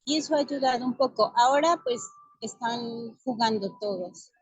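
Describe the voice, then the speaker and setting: A woman, a preschool teacher, speaking softly and hesitantly with many fillers on a video call. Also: a little high, moderate pace, slightly rough, no echo, rough recording. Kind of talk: online forum comment.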